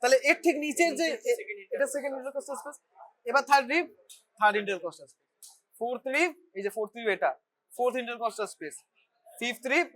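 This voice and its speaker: A clinical teacher giving a hands-on bedside demonstration, briskly instructing students step by step as they practise an examination. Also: mid-range voice, lively intonation, a bit bright. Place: hospital teaching ward.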